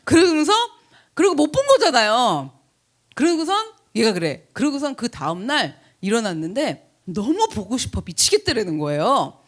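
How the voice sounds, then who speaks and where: A middle-aged woman pastor telling a chatty, animated story in a sermon, acting out the people she quotes. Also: on the high side, normal speed. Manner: chatty, animated anecdote with laughs and acted quotes. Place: church.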